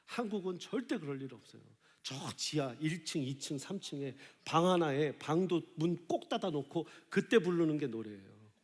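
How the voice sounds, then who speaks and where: A man preaching a live Sunday sermon as pastor, animated and acting out quoted voices. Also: a little high, moderate pace, few pauses. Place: church sanctuary. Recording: live sermon in a large reverberant sanctuary.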